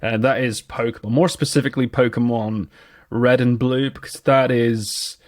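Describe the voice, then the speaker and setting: A man's voice: mid-range voice, steady tone, normal speed, no room sound, studio quality. A British man co-hosting a podcast, chatting casually and enthusiastically about nostalgic memories. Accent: British English. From Britain. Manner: enthusiastic, nostalgic, restarts often. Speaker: podcast co-host.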